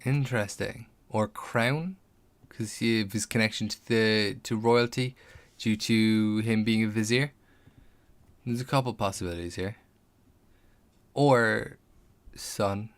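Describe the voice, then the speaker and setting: A man's voice: fairly low pitch, slow pace, long pauses. A man chatting casually on a live stream while building a tabletop game character, thinking aloud over names and details and answering viewers. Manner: chats back to viewers' comments.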